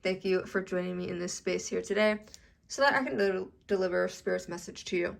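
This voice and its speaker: Speaking a little fast with vocal fry and a fairly low pitch, a young adult tarot reader chats casually to camera. She checks in often with "okay?" and sounds slightly congested from allergies.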